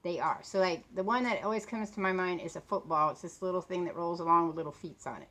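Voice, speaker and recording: A woman in her late fifties with a fairly low voice, chatting in a loose, rambling way. She sounds tired and under the weather with a sore throat, and her words come out a little off because of a swollen lip. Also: quick pace, a bit bright. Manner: talking a bit funny from a swollen mouth. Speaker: vlogger talking about books and authors. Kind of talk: casual rambling chat.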